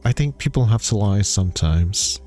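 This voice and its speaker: Brief: male streamer voicing an unsure young woman, plain read, mellow tone. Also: lowish voice, animated, moderate pace, soft background music, natural voice. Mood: hesitant.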